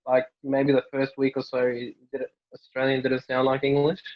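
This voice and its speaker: A young family doctor from Norway, Norwegian by first language, answers interview questions easily but with frequent fillers and restarts. He speaks at normal speed in a mid-range voice, and the audio is dull.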